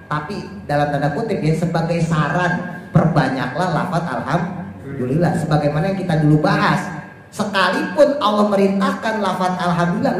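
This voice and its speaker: Man preaching tafsir lesson, high voice, booming hall echo, faint noise. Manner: reads Arabic text then explains it in casual Indonesian, acting out parents scolding. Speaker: Islamic teacher giving tafsir lesson. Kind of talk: religious study lecture.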